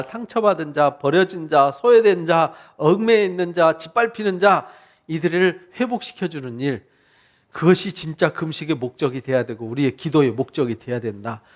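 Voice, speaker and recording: A pastor from South Korea delivers an expository sermon in a high, lively voice. He preaches with fervor, firing questions at his listeners and acting out the words of the people he describes.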